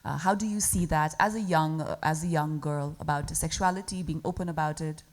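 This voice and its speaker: A woman's voice: sits low, steady tone. A woman judging a pageant interview, firing off questions and switching between Nepali and English. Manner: rapid, mixing Nepali and English. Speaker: pageant judge.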